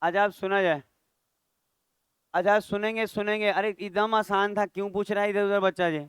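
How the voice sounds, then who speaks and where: Maths teacher guy lecturing a class, high voice, super clear and dry, keeps scolding the kids. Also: flat delivery, normal speed, a bit bright, dry recording. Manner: scolding, chatty teacher who quizzes students aloud.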